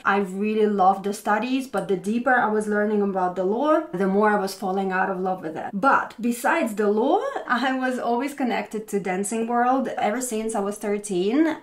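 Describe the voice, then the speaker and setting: A woman in her thirties from Latvia, chatting casually as she tells her life story while doing her makeup in front of a close camera in a bright home room. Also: mid-range voice. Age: 30s. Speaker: makeup vlogger. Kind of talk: casual get-ready-with-me chat. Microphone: fixed camera at close range.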